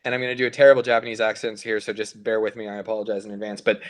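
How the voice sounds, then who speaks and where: A man's voice: on the low side, flat delivery, rapid-fire. A man, a band member, chatting casually and rambling in a podcast with lots of fillers and restarts.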